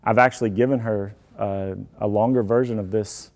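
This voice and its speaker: A man's voice: on the low side, fairly even intonation, moderate pace, a little mellow. A man giving a casual presentation on computer security to an audience, chatty and joking, taking questions. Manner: chatty, self-deprecating, joking asides.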